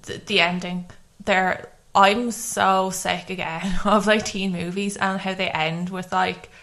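A woman with an Irish accent giving animated, exasperated running commentary on a film in casual chat. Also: medium pitch, slow pace.

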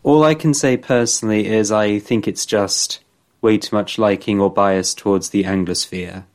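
A man's voice: lowish voice, fairly even intonation, moderate pace, a little mellow. A man co-hosting a film podcast, speaking plainly. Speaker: podcast co-host. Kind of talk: casual chat.

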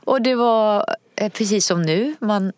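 A woman's voice: mid-range voice, darkish tone. A woman chatting casually as a podcast co-host, telling stories animatedly, acting out quoted voices and laughing often. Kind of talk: casual chat.

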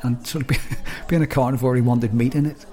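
A man's voice: mid-range voice, fairly even intonation, a little fast, mellow. Chatty man rambling along. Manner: chatty, rambling with many restarts and laughs. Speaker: podcast co-host. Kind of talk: casual chat.

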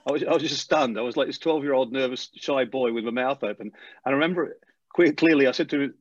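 In a storytelling interview, a middle-aged man with a mid-range voice recounts his route to becoming an airline pilot. His Australian accent has been worn down by years in England, and he talks animatedly and fast, with plenty of restarts. The recording is dry, lo-fi and slightly dull.

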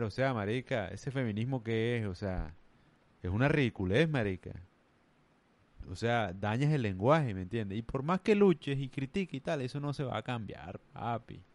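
A man's voice: medium pitch, lively intonation, normal speed, no echo. A man from the Caribbean coast of Colombia with its accent, ranting casually in a rambling, emphatic way full of slang. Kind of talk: casual rant to camera.

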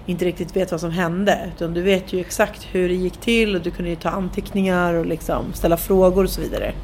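Woman, podcast host, low voice, supportive, casual chat, faint background noise. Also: steady tone, a little mellow. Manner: supportive, frequent "mm" backchannels.

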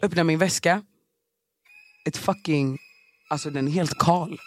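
A young adult man telling a story in casual, animated chat and laughing often. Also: fairly high pitch.

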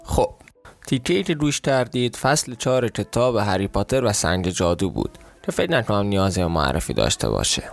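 A man's voice: fairly low pitch, very animated, gravelly, music in the background. Man with a southern Iranian accent reading a story. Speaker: reader and podcaster.

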